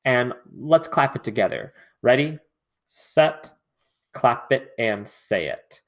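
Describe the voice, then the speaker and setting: A man's voice: medium pitch, animated, slow pace. A man teaching an online music lesson, explaining patiently and singing rhythm syllables.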